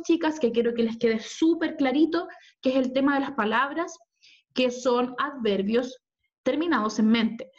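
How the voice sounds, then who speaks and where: A woman teacher with a Chilean Spanish accent explains spelling rules in a recorded online lesson, often saying "eh" and checking in with "¿ok?". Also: a little high. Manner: explanatory, with frequent "eh" fillers and "¿ok?" check-ins. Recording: dull lo-fi computer audio.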